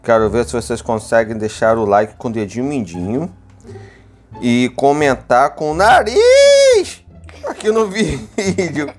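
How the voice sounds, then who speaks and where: A man with a Brazilian accent giving casual, playful gameplay commentary alongside a child, excitable and given to high-pitched whoops. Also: measured pace. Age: adult. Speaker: gaming video host playing alongside a child. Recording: music behind the voice.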